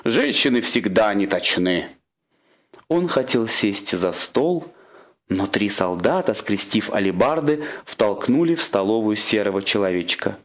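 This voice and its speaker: A man reading a fairy tale aloud in a measured, expressive storyteller's manner. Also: fairly low pitch, dull audio.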